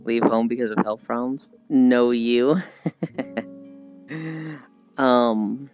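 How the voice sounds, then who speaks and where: An American man livestreams at a very slow pace, his medium-pitched voice steady and a little mellow. He rambles casually to viewers, putting himself down and swearing offhandedly. The audio is slightly dull, with background music playing behind him.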